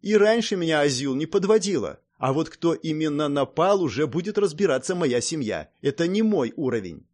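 A male reader voicing a proud, emotional young princess in an audiobook, with high-pitched, indignant outbursts. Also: very animated, moderate pace, few pauses, a little mellow. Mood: serious.

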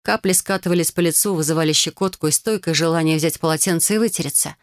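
A woman's voice: deep voice, fast, dry recording, clean studio sound. A woman narrating a first-person fantasy audiobook in a wry, sarcastic tone. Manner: wry, sarcastic inner monologue.

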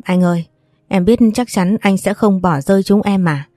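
A woman's voice: mid-range voice, moderate pace, mellow, no room sound, studio quality, faint music behind, natural voice. A woman voicing a suspicious, middle-aged younger brother who talks bluntly and accusingly. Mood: pleading.

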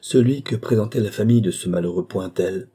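A man's voice: fairly low pitch, fairly quick, mellow, breathy edge. A man voicing a scheming, self-assured woman of the manor in an audiobook, cool and mildly ironic. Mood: composed. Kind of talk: audiobook character voice.

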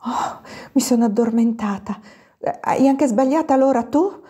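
A woman reading an audiobook and voicing a kind, sensible young schoolgirl in a soft, breathy voice. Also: fairly high pitch, unhurried, pitched above the performer's own voice. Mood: gentle, caring. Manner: gently compassionate.

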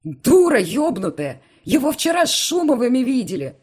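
A man's voice: very high-pitched, sing-song, moderate pace, a crowd in the background, voice pushed up. A man voicing an older, furious uncle who heads a crime family, in an audiobook. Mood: raging.

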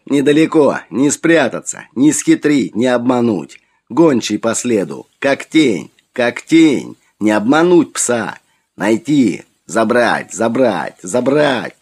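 A man's voice: medium pitch, slightly rough, pitched above the performer's own voice, exaggerated voice. A man voicing a raving, drugged male captive warrior who blurts short frantic outbursts. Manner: shouted clipped outbursts.

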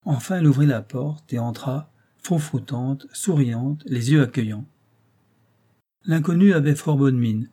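A man narrating an audiobook in a steady storytelling reading. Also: medium pitch, a little slow, breathy edge. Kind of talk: scripted narration.

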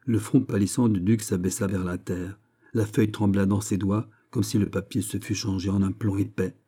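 A man narrating a classic novel as an audiobook reader, in a measured, even manner. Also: lowish voice, slightly rough.

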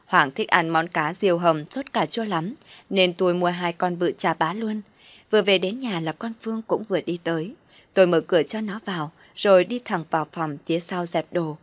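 A woman narrating a first-person story in a calm, steady voice. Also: fairly low pitch, moderate pace, no room sound.

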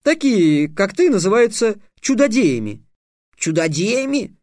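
A man's voice: on the high side, lively intonation, moderate pace, darkish tone, dry recording, studio quality, close to an everyday voice. A man voicing a stern, clever teenage squire who lectures curtly. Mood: lecturing. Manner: curt, lecturing.

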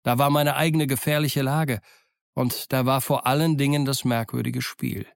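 A man reading a classic adventure novel aloud as a steady first-person narrator. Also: medium pitch, moderate pace, gravelly, dry recording, clean studio sound. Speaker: audiobook narrator. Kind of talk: scripted narration.

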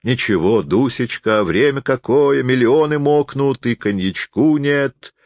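A man's voice: mid-range voice, expressive, measured pace, a little mellow, no echo, voice pushed up. Man doing a smug blustering schemer.

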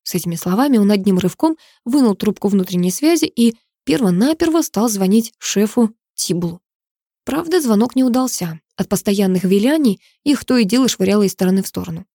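A woman narrating an audiobook thriller in a steady, dramatic storytelling manner. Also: medium pitch, a little fast, no room sound, studio quality. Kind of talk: scripted narration.

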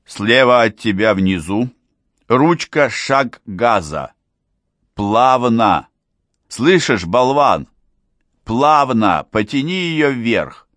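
A man voicing a tough male mine rescuer who shouts angry orders, a bit higher and louder than his narration. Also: animated, very slow, no room sound, clean studio sound. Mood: commanding.

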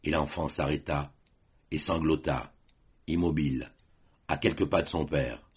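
Deep, husky man reading a classic story. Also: fairly even intonation, unhurried. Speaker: audiobook reader.

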